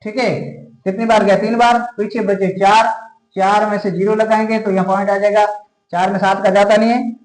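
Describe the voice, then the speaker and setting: High-voiced man teaching math, echoey room. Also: level tone, fairly quick. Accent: Rajasthani Hindi. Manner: addresses students repeatedly, checks for doubts. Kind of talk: classroom math lesson.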